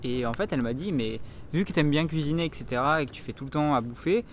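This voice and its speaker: A man's voice: on the high side, fast, slight background noise. A young man chats casually to camera as a vlogger, improvising and often stumbling as he searches for words. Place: outdoors, walking and in a park.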